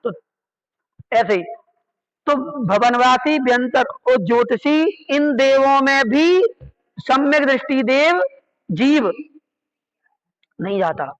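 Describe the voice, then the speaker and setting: A man's voice: very high-pitched, lively intonation, slow, long pauses, fairly bright tone, highs cut off. A man teaching a class on religious scripture, patiently repeating key terms and checking that his listeners follow. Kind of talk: slow explanatory class on Jain scripture.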